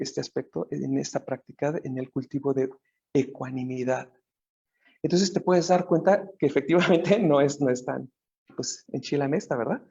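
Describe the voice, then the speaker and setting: A man's voice: a little high, mellow, breathy edge. A man with a Mexican Spanish accent giving a dharma talk, thinking aloud with restarts and asking "right?" as he goes. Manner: thinks aloud, restarts often, tag questions. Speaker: Buddhist teacher. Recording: dull muffled lo-fi recording.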